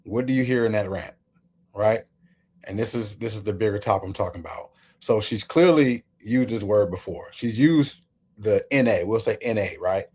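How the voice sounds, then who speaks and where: A man's voice: lowish voice, normal speed, a little mellow, husky. A male host giving opinion commentary, emphatic and walking the listener through his points step by step.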